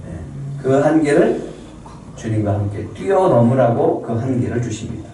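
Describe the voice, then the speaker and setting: A man's voice: mid-range voice, warm tone. A man preaching a sermon as pastor, putting questions to the congregation and waiting for their answers. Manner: asks the congregation questions and waits for replies. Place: church sanctuary. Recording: very echoey room, distant mic, faint noise.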